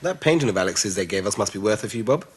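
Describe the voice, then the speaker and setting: A man's voice: fairly low pitch, animated, quick pace, husky. A man in a sitcom, joking and career-minded, planning with his fiancée. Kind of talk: sitcom acting. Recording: noisy TV sitcom recording.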